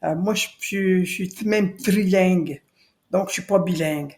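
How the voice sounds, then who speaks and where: A woman from Acadia, New Brunswick, appears as a podcast guest speaking for a citizen committee. Her voice is lowish and darkish in tone, and she talks unhurriedly and earnestly, repeating her key points for emphasis.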